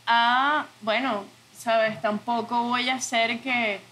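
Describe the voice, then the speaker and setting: Higher-voiced woman. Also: fairly even intonation, slow pace, bright, forceful tone. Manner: thoughtful, searching for words with self-corrections. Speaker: interview guest, audiovisual art director. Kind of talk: conversational interview, reflective.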